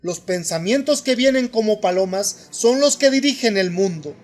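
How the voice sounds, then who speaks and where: Stern voiceless inner voice, read by a man, high-pitched and grave, for an audiobook. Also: expressive, moderate pace. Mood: commanding. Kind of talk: audiobook reading.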